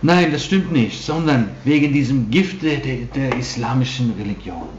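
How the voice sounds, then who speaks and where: A man's voice: mid-range voice, animated, moderate pace, slight background noise. A man preaching a sermon to a congregation, emphatic, often restarting his sentences. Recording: dull roomy hall recording.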